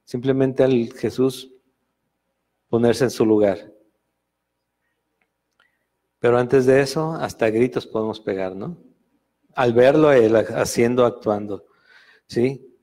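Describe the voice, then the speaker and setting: Speaking slowly with long pauses, a Mexican Spanish-accented pastor gives his Sunday Bible study in a church meeting room. His voice is mid-range and warm. The delivery is conversational, peppered with fillers and corrections of himself.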